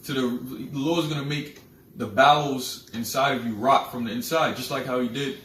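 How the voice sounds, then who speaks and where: A man preaching fiery scripture commentary, declamatory and booming loudly when he reads verses. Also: steady tone, moderate pace. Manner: declamatory, rising loud when reading verses. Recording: roomy, distant mic with faint noise.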